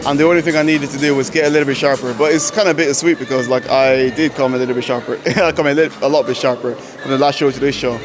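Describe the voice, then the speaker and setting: A young man chats to his vlog like a hyped-up frat bro, swearing freely and hammering his points. He sounds emphatic and casual, with music playing clearly behind him. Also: mid-range voice, fairly even intonation, fast talker, few pauses. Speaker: fitness vlogger and physique competitor.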